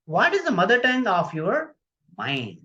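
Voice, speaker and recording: Delivering a live online communication-skills lecture, a man speaks at normal speed in a high, pushed, bright voice with huge pitch swings. He emphasizes key phrases, repeats himself and puts questions to viewers, all in a dull lo-fi recording.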